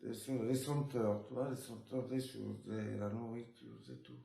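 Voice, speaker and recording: A man's voice: medium pitch, steady tone, a little slow, gravelly, dark tone. A man from Spain with a Spanish accent, telling his life story in a casual interview, rambling with many restarts and tag words. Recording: roomy echo.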